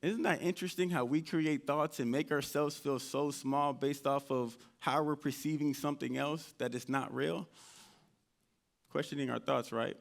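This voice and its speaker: A man with a notably high voice tells his story to a live audience. He is an animated motivational speaker who plays out his own past conversations as he goes. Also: normal speed, gravelly. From United States (Indianapolis). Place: event stage before an audience.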